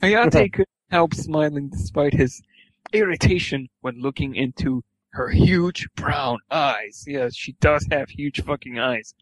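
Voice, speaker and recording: A man's voice: on the high side, measured pace, hardly any pauses, dry recording, low-quality recording. A man reading fan fiction aloud for laughs, stumbling over words and swearing at the text. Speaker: reader.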